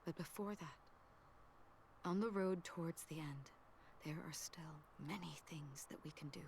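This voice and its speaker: A woman voicing a gentle young woman who narrates a farewell in soft, breathy game narration, hushed and half-whispered. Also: low voice, a little slow, a little hiss or hum. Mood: wistful.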